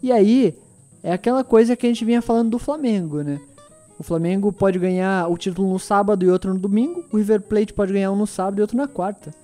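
A man on a football panel giving deliberate, opinionated views in a casual debate. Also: high voice, mellow, soft background music.

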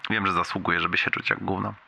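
A man's voice: sits low, level tone, fast talker, vocal fry, background noise. A man leaving a long, rambling voicemail for a friend, self-deprecating and full of restarts.

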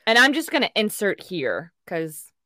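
A woman's voice: mid-range voice, big pitch swings, moderate pace, pushed and bright, no echo, studio quality. A woman co-hosting a podcast, chatting loosely and rambling in a giggly casual tone. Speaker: podcast co-host. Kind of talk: casual chat.

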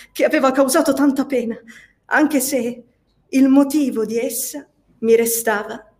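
A woman narrating a classic novel as an audiobook, slow and measured. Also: on the high side, darkish tone. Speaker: audiobook reader. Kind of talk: scripted literary narration.

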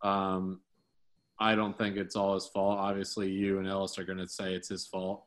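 Man, lowish voice, casual sports podcast co-host, rambling, lots of ums. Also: monotone, normal speed. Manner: rambling, many fillers and restarts.

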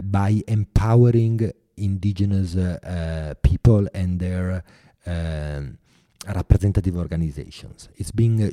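An Italian-accented man with a very low, deeply mellow voice answers interview questions earnestly and haltingly, stopping often to restart. The sound is close and dry. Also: dry recording. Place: New York.

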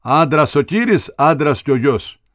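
A man's voice: medium pitch, very animated, a little mellow, no echo, studio quality, lightly acted. A man reading aloud and voicing a proud, wealthy village father who speaks with a sly, mildly mocking edge.

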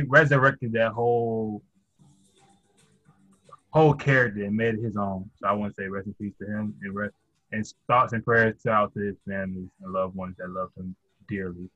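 A man's voice: lowish voice, fairly bright tone, no room sound, dull audio. A man hosting a podcast, chatting casually in laid-back slang. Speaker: podcast host. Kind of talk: casual chat.

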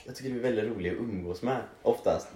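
Low-voiced young man, hesitant chat. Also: warm tone, echoey room. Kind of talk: casual chat.

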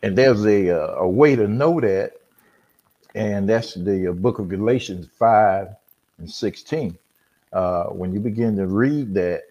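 A man's voice: deep voice, dark tone, highs cut off. A man hosting a casual Bible discussion, teaching in a conversational way. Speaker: podcast host.

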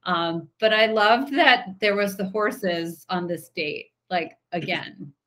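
A woman's voice: lowish voice, slow. A woman co-hosting a podcast, chatting casually and opinionatedly as she recaps a TV episode. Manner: chatty, opinionated, animated retelling. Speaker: podcast co-host.

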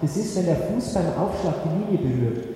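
A man's voice: fairly high pitch, expressive, fairly quick, dark tone, recorded from a distance, lightly acted. A man voicing a slimy, condescending middle-aged male tennis official in an audiobook. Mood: slimy, smug. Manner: smug, oily and condescending. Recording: echoey hall with hiss.

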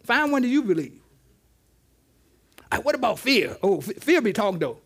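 A man's voice: very high voice, big pitch swings, moderate pace, slightly rough. A man, a pastor, teaching interactively in a church, stammering and repeating "okay" as he draws answers from the congregation. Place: church sanctuary.

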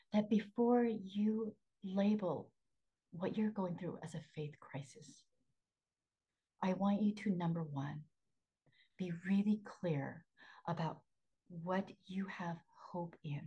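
Breathy, earnest woman podcaster. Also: on the low side, measured pace, highs cut off. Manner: earnest, repeats phrases for emphasis, drops into soft half-whisper. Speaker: spiritual coach and podcast host. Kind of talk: faith podcast monologue.

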